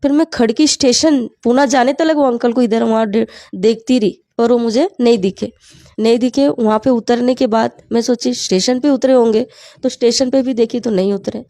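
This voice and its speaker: A woman's voice: fairly high pitch, normal speed, mellow, no echo, clean studio sound. A woman giving an earnest personal faith testimony, telling her story with quoted prayers. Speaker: testimony speaker.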